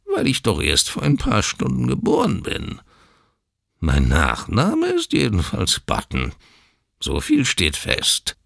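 A man's voice: on the low side, wildly swooping pitch, takes it slowly, vocal fry, fairly bright tone, dry recording, clean studio sound, voice pushed up, exaggerated voice. A man voicing a whining, querulous old man who has just been born, in a storybook reading. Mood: whiny.

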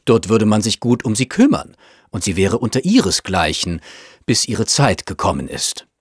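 A man's voice: on the low side, very animated, normal speed, breathy edge, dry recording, clean studio sound. A man putting on a gushing, snobbish society mother. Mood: disdainful. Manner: gushing, fussy, chattering. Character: snobbish, self-absorbed upper-class mother, middle-aged woman.

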